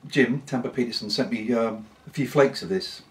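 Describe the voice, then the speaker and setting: A British man talks casually to his viewers as a hobby vlogger. His delivery is unhurried and rambling, with pauses between short phrases, at a middling pitch. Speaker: pipe-smoking vlogger. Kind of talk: casual unscripted chat to camera.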